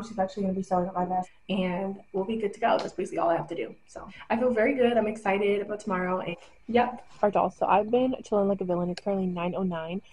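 In her bedroom at home, a chatty young woman vlogs straight to a close-up webcam or phone camera, rambling with plenty of fillers. Her medium-pitched voice has a darkish tone, and the audio quality is poor.

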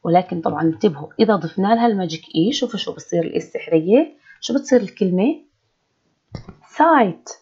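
A woman teacher, giving an online English lesson to children at a slow, careful pace. Her voice is low and mellow, and she keeps checking in with "okay". The audio is dull and lo-fi. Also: animated, husky. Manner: repeats words slowly for children, frequent "okay".

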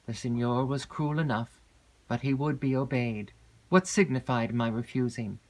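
A woman voicing a gloomy, secretive male porter in an audiobook, speaking slowly and gravely with long hesitations. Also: extremely low pitch. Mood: hesitant. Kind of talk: audiobook character reading.

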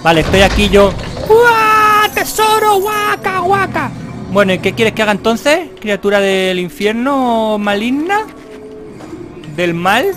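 Playful gamer with a lively high voice. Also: male voice, measured pace, music in the background. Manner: playful, jokey, clowning in character. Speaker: gaming YouTuber. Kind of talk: jokey let's play commentary.

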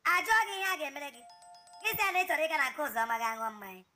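A man with a West African, Nigerian accent voicing an excitable, scolding family man in a comic cartoon dub, mixing in English phrases. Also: extremely high pitch, racing, faint music behind, full character voice. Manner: exclamatory, mixes in English phrases.

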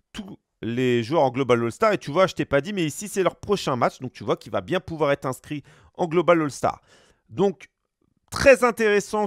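A man's voice: a little high, no echo, clean studio sound. A man hosting a casual screen-share tutorial, chatting straight to the viewer with frequent fillers. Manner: chatty, lively, addresses viewer directly with many fillers. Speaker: YouTube host.

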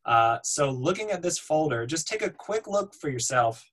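A man in his thirties, a voiceover demo producer, teaching a webinar from a home room over a webcam in a relaxed, explanatory way with frequent ums and uhs. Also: on the high side, moderate pace, poor audio. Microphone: webcam on video call.

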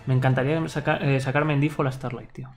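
A man's voice: mid-range voice, little pitch movement, fast. A man in his thirties from Spain with a Castilian accent, hosting a casual chat while opening card packs, laughing often and bantering. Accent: Castilian Spanish. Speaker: channel host. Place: indoor streaming room. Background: faint background music.

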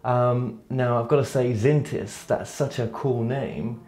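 A man's voice: medium pitch, steady tone, measured pace, a little mellow. A man in his thirties interviewing a guest in the guest's home, friendly and encouraging with frequent "um" and "wow". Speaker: interviewer, host. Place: living room at a guest's home, indoors. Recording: roomy indoor echo.

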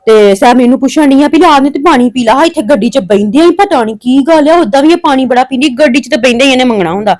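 High-voiced Punjabi woman vlogging. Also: animated, rapid-fire, hardly any pauses, a little mellow. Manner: plaintive, rambling, homely, addressing viewers as brothers and sisters. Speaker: family vlogger and mother. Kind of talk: casual chatty home vlog.

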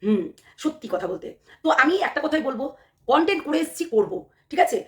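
Hoarse, fast-talking woman vlogger. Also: sits high, animated. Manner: heated and emphatic, repeats phrases, fires rhetorical questions. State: hoarse from a cold. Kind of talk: casual direct-to-camera commentary.

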